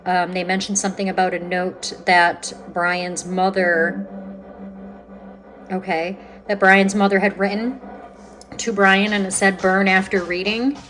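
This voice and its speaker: A woman with a mid-pitched voice hosts a paranormal session in a casual, conversational way. She comments as she goes, asks questions aloud and pauses to listen. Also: flat delivery, a bit bright, rough recording. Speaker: host of a paranormal spirit box session.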